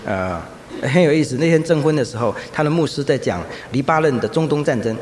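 A man preaching a sermon, telling lively anecdotes and acting out the voices of people in his stories. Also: mid-range voice, a little fast. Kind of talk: sermon with storytelling. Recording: echoey hall, faint ambient noise.

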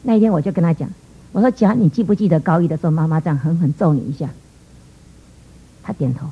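A middle-aged woman giving an earnest, emotional church testimony, telling a personal story with lively quoted dialogue. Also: deep voice, fast, breathy edge, phone-quality sound.

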